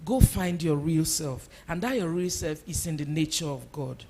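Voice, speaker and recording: A woman's voice: sits low, normal speed, dark tone. A woman speaking at a church conference to a live audience, emphatic and repeating her key phrases.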